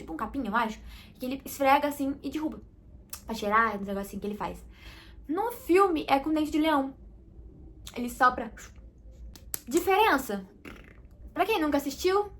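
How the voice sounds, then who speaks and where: A woman with a Brazilian Portuguese accent chatting casually and expressively as she reviews a film for her viewers. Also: high voice.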